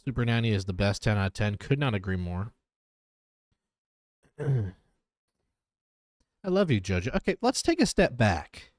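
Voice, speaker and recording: A man's voice: lowish voice, very animated, measured pace, pauses often, darkish tone, no room sound, studio quality. A young man streaming himself reacting to videos, giving blunt, joking, sarcastic asides in casual chat.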